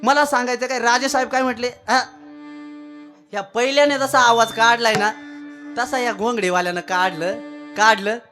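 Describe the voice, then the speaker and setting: High-voiced emphatic man preaching a kirtan. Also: steady tone, normal speed, pauses often, over music. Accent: Marathi. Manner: emphatic, repeats key phrases, jokes with the audience, breaks into chant. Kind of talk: devotional kirtan sermon with storytelling and sung verses. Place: village temple. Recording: live temple sermon with instrument accompaniment.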